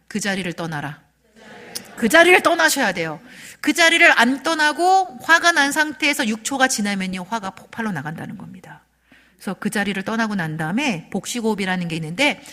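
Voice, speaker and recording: A woman preaching a sermon in an emphatic way, switching between loud stressed phrases and soft whispers, and leading the congregation in repeating lines. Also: medium pitch. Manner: leads the congregation in call-and-response. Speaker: guest speaker at a church service.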